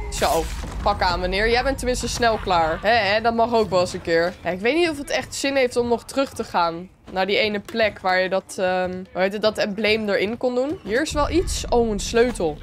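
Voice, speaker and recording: A young Dutch woman with a fairly high voice talks her way through a video game, chatty and quick to get excited. She keeps addressing her viewers as she plays. A faint hiss sits under her voice. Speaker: gaming streamer. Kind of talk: let's play commentary.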